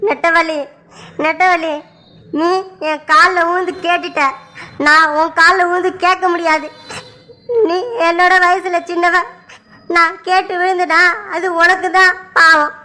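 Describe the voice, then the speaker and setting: A woman's voice: very high-pitched, level tone, unhurried, long pauses, exaggerated voice. Woman voicing a fond village father. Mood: pleading. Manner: gentle, coaxing, repeats himself. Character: loving widowed village father, middle-aged man. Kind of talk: cartoon voice acting.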